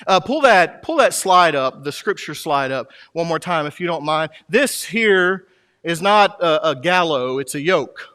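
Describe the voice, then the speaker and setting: A man's voice: a little high, expressive, unhurried, pushed and bright. A man preaching a sermon as pastor, impassioned, with his voice rising and falling. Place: church sanctuary. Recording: reverberant hall.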